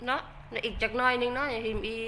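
A woman's voice: fairly high pitch, fairly even intonation, very fast, pushed and bright, slight background noise. An older woman with an Isan Thai accent, chatting casually on a livestream, laughing often and joking about herself. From Northeast Thailand. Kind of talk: casual livestream chat reading comments.

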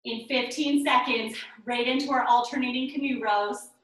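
High-pitched woman fitness coach in echoey room. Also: fairly even intonation, moderate pace, fairly bright tone. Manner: encouraging, urging like a gym coach; exerting while exercising along. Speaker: fitness instructor. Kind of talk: workout coaching with counts and cues. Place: small bare indoor room at home. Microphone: camera a few meters away. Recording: echoey bare room, distant mic.

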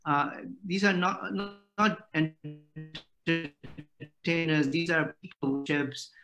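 Middle-aged guy lecturing on a video call, lots of uhs, slightly high voice. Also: steady tone, slow pace, bright, forceful tone, faint music behind. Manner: hesitant, many "uh" fillers.

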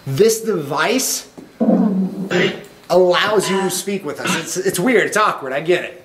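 A man's voice: high-pitched, lively intonation, a little slow. A man hosting a ghost-hunting video inside an empty school, rambling casually and talking to unseen spirits, his voice echoing heavily off the bare walls. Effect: heavy echo bouncing around an empty building. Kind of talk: casual paranormal investigation vlog. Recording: echoey empty school hall with faint hiss.

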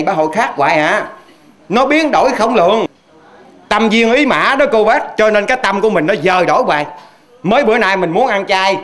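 High-voiced Southern Vietnamese preacher. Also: male voice, fairly bright tone. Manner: chatty, addresses the audience directly with rhetorical questions. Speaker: Hoa Hao Buddhist preacher. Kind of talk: folksy storytelling sermon.

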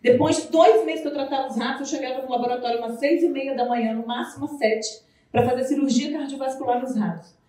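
A Brazilian woman from Minas Gerais with a Mineiro accent, giving an animated, chatty motivational talk as a nutritionist, with playful asides. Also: high-pitched, fast talker. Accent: Mineiro Brazilian Portuguese. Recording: very echoey room, voice far from the mic.

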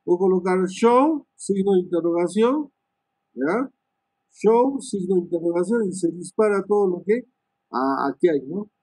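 Slow, husky-voiced man teaching switch commands. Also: high-pitched, expressive, mellow, no room sound, rough recording. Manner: unhurried, thinking aloud, tags lines with "¿no?"; many "este" fillers and restarts. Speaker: networking instructor. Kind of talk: live screen-share lesson on switch commands.

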